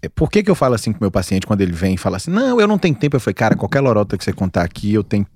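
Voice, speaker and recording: A Brazilian man of forty talks quickly with a lively, swooping delivery, his low voice recorded close and dry. He tells stories emphatically, full of slang, in a relaxed chat. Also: breathy edge. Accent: Brazilian Portuguese. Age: 40s. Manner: animated storyteller, slangy and emphatic. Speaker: doctor guest. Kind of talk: casual podcast chat.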